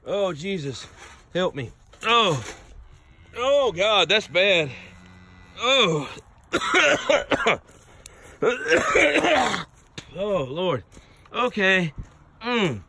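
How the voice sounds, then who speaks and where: A man's voice: high voice, very animated, drawn-out words, long pauses, bright, forceful tone. A man filming himself outdoors at night, gasping and coughing through strained exclamations after being sprayed. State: coughing, gagging from skunk spray. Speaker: vlogger. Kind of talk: panicked live commentary while filming. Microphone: phone camera swinging about. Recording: noisy outdoor phone recording.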